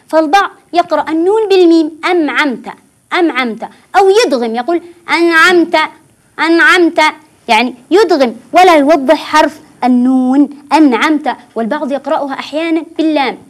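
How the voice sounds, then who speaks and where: A high-voiced woman teaches children Quran recitation in a TV studio. She speaks patiently, stretching words slowly and repeating each syllable so the children can copy her. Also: darkish tone.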